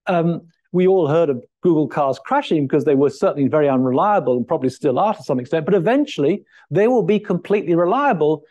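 A man's voice: a little high, quick pace, hardly any pauses, mellow, muffled recording. A middle-aged man giving a keynote lecture at a lectern in a large hall, thinking aloud with many fillers and restarts. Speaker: keynote speaker. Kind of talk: conference lecture.

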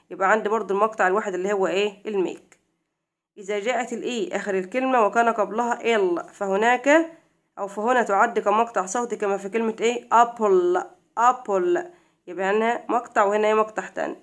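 A young woman with an Egyptian Arabic accent teaching a primary-school English lesson. She reads English slowly, translates it and keeps asking questions. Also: medium pitch.

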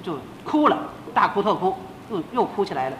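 Older woman, religious teacher, emotional testimony sermon, animated storytelling, roomy room, old tape with faint rumble. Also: a little fast. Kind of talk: sermon told as personal testimony.

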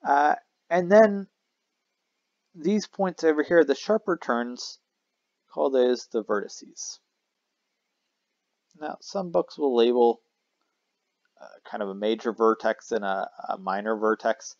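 Male math teacher, casual whiteboard explainer, gravelly voice, dry lo-fi mic. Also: medium pitch, a little slow, pauses often, darkish tone, no echo. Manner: casual, self-correcting explanation with fillers. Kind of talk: recorded math lesson at a whiteboard. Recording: dry, slightly dull lo-fi mic.

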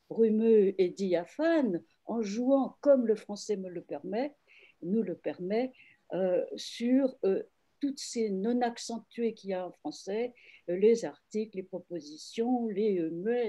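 Her voice medium in pitch and mellow, a woman literary translator reflects on her work in an online panel held over video call. She hesitates a lot, with many pauses and fresh starts.

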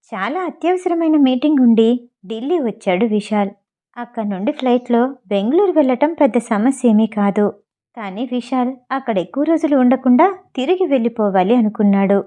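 A woman narrating an audio novel in a steady storytelling voice. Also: a little high. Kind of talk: reading a novel aloud.

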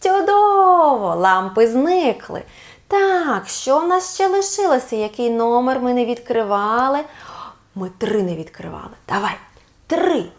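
A woman leads a child through a speech lesson in a high, bright voice that swoops up and down. She talks slowly and stretches out each target word for the child to repeat, then adds gentle praise. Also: big pitch swings. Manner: slow, drawn-out words for the child to repeat; gently coaxing, sing-song praise. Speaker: speech therapist.

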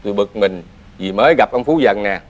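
A man's voice: on the low side, lively intonation, a little fast, highs cut off. An actor with a Southern Vietnamese accent playing a proud, stern rich father in a cartoon fairy tale. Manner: stern, grumbling, later wailing. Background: music.

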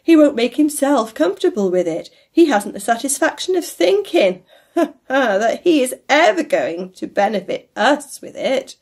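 A merry young gentleman from a storybook, read aloud by a woman booms with laughter and warm conviction. He speaks louder and higher than plain narration, with lively swings in pitch. The voice stays husky throughout. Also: measured pace, full character voice. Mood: jovial. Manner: hearty, booming laughter and merry emphasis. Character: jovial laughing young gentleman, good-natured.

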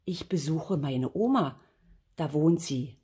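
A woman's voice: low voice, lively intonation, slow, breathy edge, heavily acted. Grandma voicing a cheerful little girl dragon. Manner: bright, friendly and forthright. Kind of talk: storybook reading.

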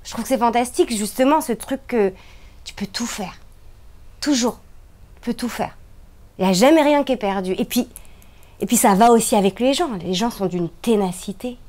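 A woman from France talking in a casual interview, animated and emphatic, her voice swinging high and low as she makes her points. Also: moderate pace, pauses often.

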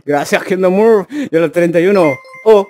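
A man's voice: high-pitched, normal speed, over music. A man, a streamer joking and chatting casually with his live chat. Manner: joking, teasing, addressing chat directly.

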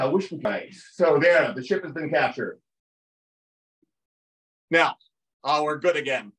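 Lively older man lecturing on history. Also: mid-range voice. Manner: lively storytelling, acts out quotes in playful voices. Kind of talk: museum lecture with slides. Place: museum lecture room. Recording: voice heard from a distance.

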